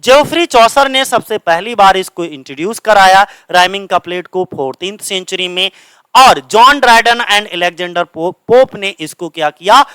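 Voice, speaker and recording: A man's voice: sits high, expressive, normal speed, sharp tone, smooth, no room sound, poor audio. A man with a Hindi accent teaching literature for exam prep at a coaching centre, asking questions and answering them himself while mixing English terms into his Hindi.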